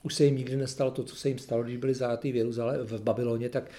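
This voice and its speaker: A man with a mid-pitched, ordinary voice reads a gospel passage aloud in a plain, unhurried way. He then moves into loose personal reflection on it. There he searches for words, restarts sentences and leans on fillers. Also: flat delivery, mellow. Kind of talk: Bible reading followed by personal reflection.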